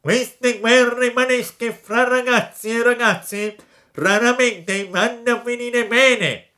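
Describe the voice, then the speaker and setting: A man voicing a big grumpy male crab with a gruff, stuffy trombone-like voice, scolding loudly and slowly in a storybook reading. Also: very high voice, steady tone, voice pushed up, exaggerated voice. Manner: loud, slow preaching scolding.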